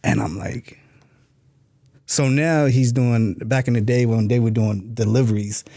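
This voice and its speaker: A man's voice: medium pitch, measured pace, dark tone, no room sound, studio quality. A man from New York, a podcast guest telling his life story in a blunt, streetwise way, swearing freely. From New York, USA. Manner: acts out past dialogue in a raised voice. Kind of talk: candid interview storytelling.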